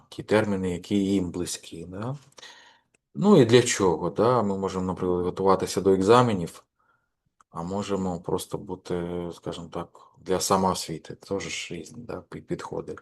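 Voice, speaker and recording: A man giving a course lecture, hesitant, with many fillers and restarts. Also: deep voice.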